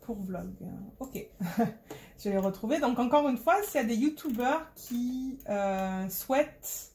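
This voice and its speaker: A woman's voice: a little high, expressive, unhurried, a little mellow. A woman from Marseille with a Marseille accent, chatting casually to her phone in a vlog, rambling and searching for words. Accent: Marseille French. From Marseille, France. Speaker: diamond painting vlogger. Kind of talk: casual chat to camera.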